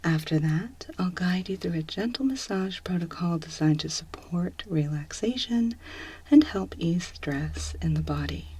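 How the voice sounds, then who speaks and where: A woman in a whispered role-play, speaking as a gentle clinic examiner in a soft, reassuring, step-by-step manner. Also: fairly low pitch, measured pace, slightly rough. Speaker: ASMR performer playing a clinician.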